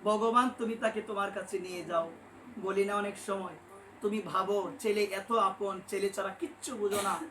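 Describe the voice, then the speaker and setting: A man's voice: sits high, fairly even intonation, normal speed, background noise. A man preaching a devotional sermon, impassioned and telling stories, often rising to emphatic peaks and calling his listeners mother. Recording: echoey room with faint ambience.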